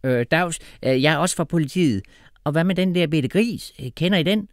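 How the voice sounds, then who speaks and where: A man's voice: on the high side, expressive, dry recording, studio quality, pitched above the performer's own voice, lightly acted. A man voicing a confused policewoman who hesitates and stumbles. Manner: hesitant, full of "uh".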